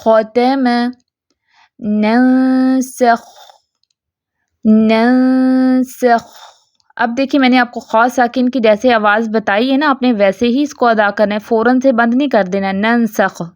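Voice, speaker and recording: A woman with a Pakistani Urdu accent teaching Quranic pronunciation, stretching out model syllables slowly and often checking if students follow. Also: on the high side, fairly even intonation, dry recording, muffled recording. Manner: patient, drawn-out model syllables, frequent "theek hai?" checks. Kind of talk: tajweed pronunciation lesson.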